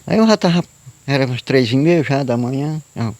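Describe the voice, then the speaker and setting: In a brisk, expressive delivery, a man with a mid-range, slightly mellow voice, heard with no room sound, tells a true story as a guest. His casual narration wanders and repeats itself in a folksy style, sprinkled with frequent "né?" and "eu digo".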